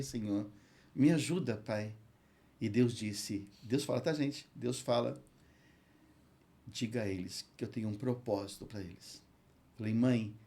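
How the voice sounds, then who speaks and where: A man with a Brazilian Portuguese accent, who serves as a hospital chaplain and pastor, gives an earnest, emotional testimony in a podcast interview and recites scripture slowly. His voice is mid-range and warm.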